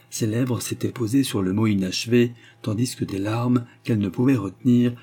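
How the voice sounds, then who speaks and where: A man giving a measured, expressive reading of a literary novel as an audiobook narrator. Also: medium pitch, breathy edge.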